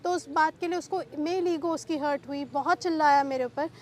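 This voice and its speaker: A woman with a high voice tells her story to an interviewer in an agitated, urgent way. She slips English phrases into her Hindi and throws out indignant rhetorical questions. Faint traffic hums in the background. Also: brisk, darkish tone. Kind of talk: emotional personal account.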